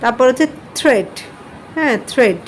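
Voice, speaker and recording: A woman's voice: a little high, animated, normal speed, a little hiss or hum. A woman from Bangladesh teaching an online English class, patiently spelling out words and explaining their pronunciation.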